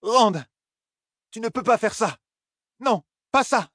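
Guy reading as high stern sorceress lady, urgent, husky underneath, dry sound. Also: moderate pace, no echo, natural voice. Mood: alarmed. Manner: pleading, urgent. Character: calm commanding woman, a powerful sorceress.

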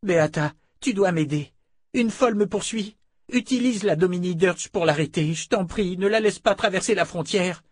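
Man voicing a cowardly young thief, pitched up high, pleading. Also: normal speed, a little mellow, no room sound, clean studio sound. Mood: panicked pleading. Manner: pleading, panicky, near tears. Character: frightened young male thief, whiny.

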